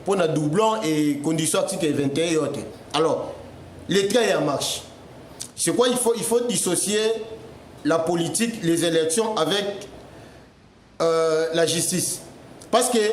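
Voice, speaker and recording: A man argues his point in a televised debate, pressing on and repeating himself when interrupted. His voice sits a little high. The studio sounds echoey, with a faint hiss behind. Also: animated, normal speed. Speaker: political debate guest.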